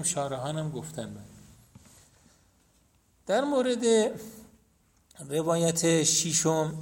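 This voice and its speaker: A man's voice: fairly high pitch, creaky. A man teaching a seminary class on hadith, reciting Arabic narrator chains and explaining them step by step to his students. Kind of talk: hadith lesson.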